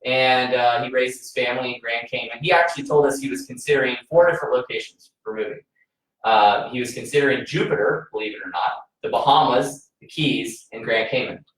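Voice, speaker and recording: A man co-hosting a podcast tells a story earnestly in casual chat, frequently restarting his sentences. His voice is mid-range, brisk and fairly bright. The room is very echoey and he sits far from the mic.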